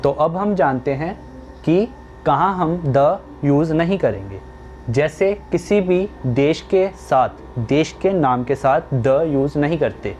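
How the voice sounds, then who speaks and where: A young man teaching English grammar in a slow classroom style, asking questions and answering them himself. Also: a little high, lively intonation, noisy background.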